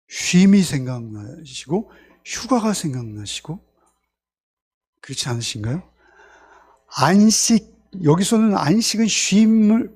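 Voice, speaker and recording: A man's voice: high voice, a little mellow. A male pastor giving a Sunday sermon in a church. He speaks earnestly, repeats key words and asks the congregation rhetorical questions.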